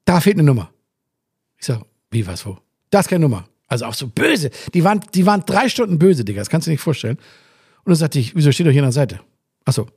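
A man with a gravelly, husky voice rants his way through a casual podcast chat. He swears freely and acts out the people in his story. The sound is dry and close. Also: on the high side, sing-song, fast, darkish tone, dry recording. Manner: ranting, swearing, acts out quoted dialogue. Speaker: podcast co-host.

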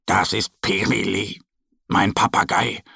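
A man's voice: lowish voice, steady tone, slow pace, vocal fry, pushed and bright, husky, dry recording, clean studio sound, exaggerated voice. A man voicing a cheerful, dreamy little male bear cub in a children's storybook, with a friendly, playful manner.

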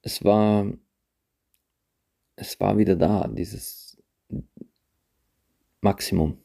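A man hosting a podcast, talking reflectively to his listeners in a halting way and often repeating himself. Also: low voice, gravelly, dark tone, husky. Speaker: podcast host. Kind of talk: personal monologue to listeners. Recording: handheld phone, voice drifts off-mic at times.

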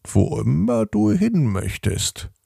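A man voicing a gentle, wise talking horse in a storybook, in a calm, soft-spoken way. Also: mid-range voice, takes it slowly, vocal fry, slightly rough, dry recording, clean studio sound, exaggerated voice. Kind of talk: storybook narration.

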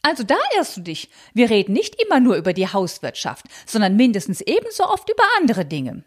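A woman's voice: mid-range voice, huge pitch swings, fairly quick, darkish tone, breathy edge. A woman reading aloud and voicing a fussy, anxious, old-fashioned elderly aunt who frets about convention. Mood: fretful. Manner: fretful, scandalized, clinging to convention.

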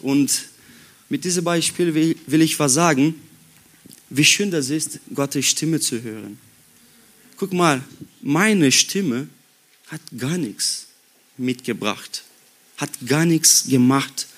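Slow-speaking Brazilian man preaching. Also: fairly high pitch. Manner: slow, halting German with non-native grammar. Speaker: youth pastor. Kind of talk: sermon at a youth retreat. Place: worship room before a youth audience.

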